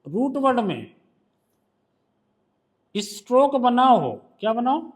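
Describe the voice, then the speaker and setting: A man's voice: very high voice, very animated, takes it slowly. A male shorthand teacher with a Hindi accent, patiently quizzing a student during one-on-one tutoring.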